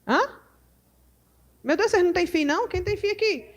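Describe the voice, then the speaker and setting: A Brazilian woman teaching at a women's church conference, animated and full of rhetorical questions to her audience. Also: very high voice, moderate pace. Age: adult mother. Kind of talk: lively teaching talk to a live audience.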